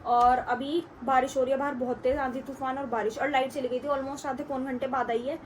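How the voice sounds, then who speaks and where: A young woman chatting casually to camera in a family vlog at home, telling stories in an animated way. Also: high voice, brisk, a little hiss or hum, rough recording. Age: young adult. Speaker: family vlogger.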